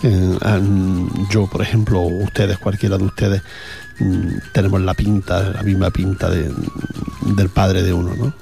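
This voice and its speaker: Between songs, a male radio host with an Andalusian Spanish accent chats casually, rambling with frequent fillers and repeated words. His low, gravelly voice is warm, with little pitch movement and a measured pace, and faint music plays behind him.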